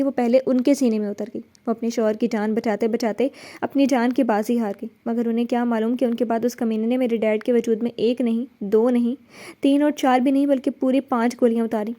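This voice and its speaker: A woman's voice: on the high side, steady tone, warm tone, natural voice. A woman reading a story aloud, voicing a young man full of grief and remorse over his murdered parents. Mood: anguished. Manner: anguished, pleading.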